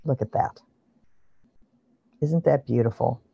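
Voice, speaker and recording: A relaxation guide leading a guided meditation in a soothing, unhurried, hushed voice over an online video call, with dull, muffled sound. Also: mid-range voice, vocal fry, breathy edge, no room sound.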